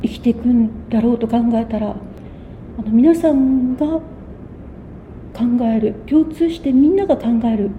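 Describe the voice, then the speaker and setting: A woman in her sixties answering interview questions in a measured, thoughtful way, often pausing mid-phrase. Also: on the high side, narrow, tinny audio, a little hiss or hum. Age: 60s. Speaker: guest.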